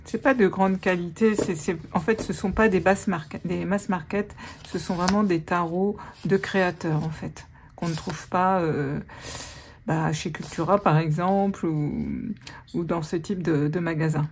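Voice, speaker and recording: A woman's voice: lowish voice, steady tone, unhurried, a little mellow, a little hiss or hum. A woman giving a casual tarot guidance, chatty, with many fillers and restarts. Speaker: tarot reader.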